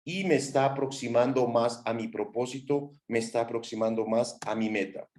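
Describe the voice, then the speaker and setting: A man giving a motivational talk to a class, expressive, with sound words and acted-out quotes. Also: medium pitch, moderate pace. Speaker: motivational speaker. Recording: echoey room.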